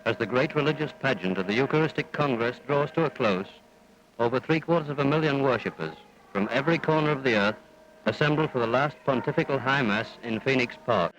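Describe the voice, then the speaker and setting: A man narrating an old newsreel as commentator, in a measured announcing tone. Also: mid-range voice, a bit bright. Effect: old newsreel soundtrack. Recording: dull lo-fi archival newsreel audio.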